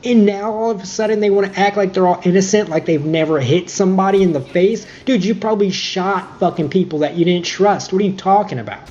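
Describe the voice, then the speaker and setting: A man's voice: high voice, brisk, few pauses, a little mellow, highs cut off, slight background noise. A young man reviewing a game in a casual, irritated rant full of swearing and nitpicks.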